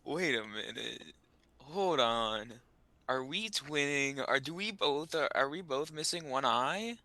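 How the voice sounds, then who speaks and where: Male player, mid pitch, very bright edgy tone, mock-earnest tabletop role-play. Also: expressive, slow pace, dry recording. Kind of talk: casual, joking role-play.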